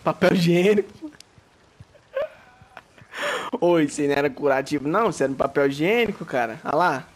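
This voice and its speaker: A young man with a Brazilian Portuguese accent giving slangy let's play commentary, swearing freely and shouting in alarm when startled. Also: on the high side, animated, fairly quick, pauses often, slight background noise. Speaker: gaming YouTuber.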